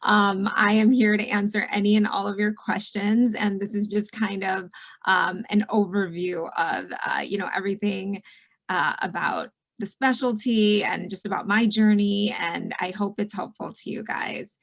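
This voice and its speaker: A middle-aged woman physician from Michigan gives a casual, friendly online presentation over a video call mic, sprinkling in lots of ums and you-knows. Her medium-pitched voice is warm, chatty and creaky, with fairly even intonation at a normal speed, and the sound is lo-fi.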